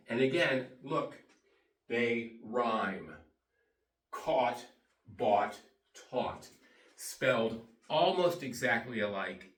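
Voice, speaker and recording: Very slow-talking male teacher in echoey room. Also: medium pitch, a bit bright. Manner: deliberate, repeats key words and spells them out. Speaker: English teacher. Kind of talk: slow bilingual English pronunciation lesson with Spanish translations. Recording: echoey room, distant microphone.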